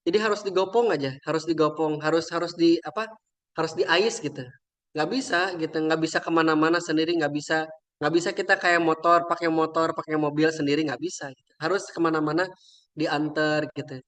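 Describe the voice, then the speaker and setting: A man's voice: fairly high pitch, steady tone, fast talker, a bit bright. A young man, a religious teacher, sharing a moving story in a casual, chatty way with many trailing fillers. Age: young adult. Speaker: religious teacher and invited speaker. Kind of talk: casual heartfelt storytelling talk.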